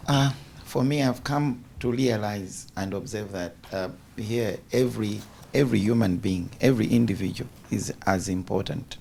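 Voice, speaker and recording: A man's voice: fairly low pitch, moderate pace, creaky, few pauses, mellow, slight background noise. A man reflecting on a studio panel as a visiting fellow, searching for words at an uneven pace.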